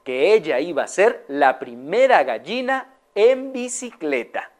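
A woman telling a children's story, animated and often asking her young listeners questions. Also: on the low side, unhurried.

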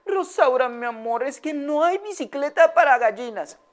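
A woman's voice: lowish voice, very animated, normal speed. A woman doing a sweet, doting hen-keeper lady. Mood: tender. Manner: sweet, coaxing, affectionate.

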